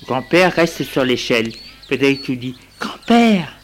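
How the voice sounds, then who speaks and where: A storyteller reading a story aloud with measured, deliberate phrasing, on a noisy recording with birds chirping. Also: medium pitch, a bit bright.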